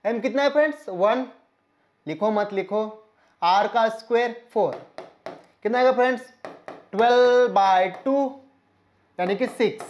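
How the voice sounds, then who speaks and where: A woman's voice: a little high, a little slow, long pauses, darkish tone, a little hiss or hum. A woman teaching a physics lesson, working through exam problems. She reads each question in English, explains it in Hindi, keeps calling her listeners friends and asks them questions as she goes. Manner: asks rhetorical questions to the class.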